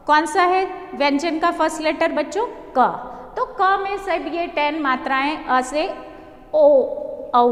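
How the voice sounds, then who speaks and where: A teacher drilling Hindi syllables for young children in a reassuring, sing-song way, speaking with an Indian accent. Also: female voice, high-pitched. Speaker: primary school teacher. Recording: echoey room with long reverb.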